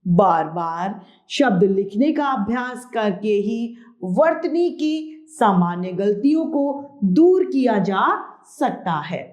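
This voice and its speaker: A woman teacher takes young children through a grammar lesson at an unhurried pace. Her pitch rises and falls a great deal as she stresses each word she reads out. The room around her gives back a clear echo. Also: a little mellow. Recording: echoey room.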